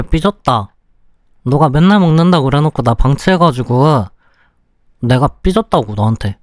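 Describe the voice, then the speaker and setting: A young man plays a pouty boyfriend who sulks and teases in a whispered role-play. He talks slowly and softly, close to a dry microphone. His voice sits at an ordinary male pitch. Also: no room sound, close to an everyday voice. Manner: slow, soft, close-up ASMR delivery with pouty complaints. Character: sulky, clingy young boyfriend, teasing and pouty.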